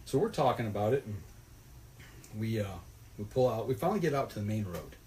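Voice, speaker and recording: Guy rambling thru an outdoor story, folksy and animated, bit of hiss behind. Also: fairly low pitch, brisk. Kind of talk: casual storytelling.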